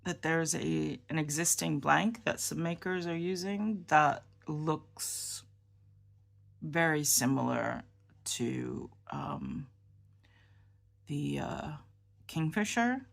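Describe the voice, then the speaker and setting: A woman's voice: low voice, slow pace, vocal fry. A woman vlogging about fountain pens in a casual show-and-tell chat. She sounds tired and subdued, rambling and hesitant, with many ums and restarts.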